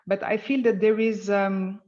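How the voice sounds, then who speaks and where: Woman author, candid storyteller on a lo-fi video call, mid-pitched, talks with fillers. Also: little pitch movement, unhurried, mellow. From Palestine. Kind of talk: virtual book event conversation. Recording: dull lo-fi video call audio.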